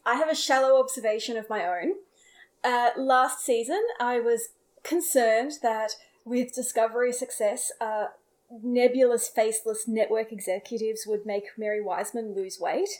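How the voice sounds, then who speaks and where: A woman with a fairly high voice co-hosts a relaxed podcast conversation. She talks in long, opinionated runs with lively energy. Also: normal speed. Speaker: podcast co-host. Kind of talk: casual chat.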